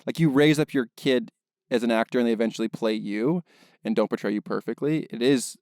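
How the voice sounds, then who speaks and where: A man's voice: mid-range voice, a little fast, a little mellow, dry recording, clean studio sound. A man co-hosting a casual film podcast, thinking aloud and picking apart why a movie works or not, with lots of "like" fillers. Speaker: podcast co-host, filmmaker.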